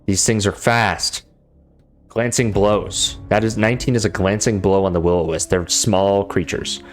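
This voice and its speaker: A man's voice: on the low side, fairly even intonation, normal speed. Casual male game master. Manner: casual, rambling, many fillers. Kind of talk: narrating a tabletop game.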